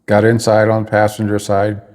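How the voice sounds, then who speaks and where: A man's voice: on the low side, monotone, fairly quick, darkish tone. A man telling a personal story in a casual, rambling way, often stopping to correct himself mid-sentence. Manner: rambling, with restarts and self-corrections.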